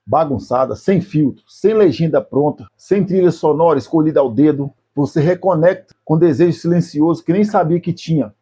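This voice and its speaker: Slow, husky Brazilian man reflecting. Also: fairly high pitch, dark tone. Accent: Brazilian Portuguese. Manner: speaks slowly and deliberately, addressing the viewer directly in short phrases. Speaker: YouTube channel host. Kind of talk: reflective video essay monologue.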